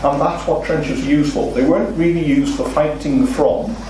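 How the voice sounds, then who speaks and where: Heard from far off in a highly reverberant meeting room, with no visible mic, this Welsh seminar speaker talks at a moderate pace in a slightly high, fairly level voice over background noise. The middle-aged man, Welsh-accented, steadily explains an illustrated lecture to seated listeners and poses rhetorical questions.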